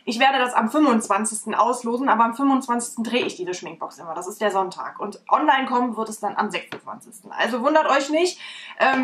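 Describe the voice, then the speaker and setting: Young woman rambling about makeup, bright kinda high voice, lots of ums, camera at home. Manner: chatty, rambling with many fillers. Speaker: beauty vlogger. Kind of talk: casual makeup tutorial chat. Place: bedroom or home studio, indoors.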